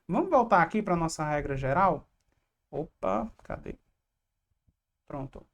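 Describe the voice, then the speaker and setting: Low-voiced woman teaching an exam class. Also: animated, a little slow, gravelly. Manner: explanatory, asks and answers own questions; chatty asides to students. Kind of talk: online exam-prep lesson.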